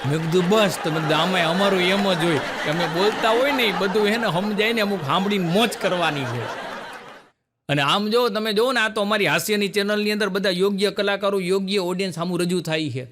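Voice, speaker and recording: A man's voice: high-pitched, brisk, noisy background. A man, telling folksy jokes live to an audience as a stand-up comedian.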